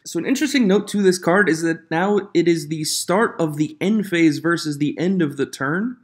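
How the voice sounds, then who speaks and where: A man's voice: fairly high pitch, lively intonation, normal speed. A man hosting an informal, opinionated card game commentary for viewers, his voice echoing in a reverberant room on a makeshift microphone. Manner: informal, opinionated, reads card text aloud. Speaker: YouTube host of a trading card game channel. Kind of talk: casual news commentary to viewers. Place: echoing room outside the usual studio.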